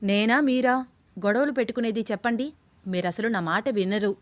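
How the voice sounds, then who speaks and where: A woman's voice: normal speed, dry recording, lightly acted. A woman voicing a young woman in love who is agitated and fiery, in an audio story. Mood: angry. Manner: shrill, agitated pleading.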